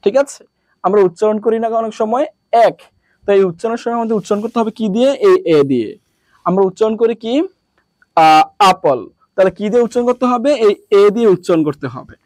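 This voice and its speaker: A man from Bangladesh teaching a classroom lesson, asking questions and answering them himself in a lower voice, drilling through repetition. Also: fast, a little mellow, dry recording.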